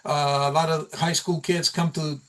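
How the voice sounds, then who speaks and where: This man, a college program instructor, presents slides casually at a meeting in halting speech full of repeated and restarted phrases. He has a fairly high pitch and a flat delivery.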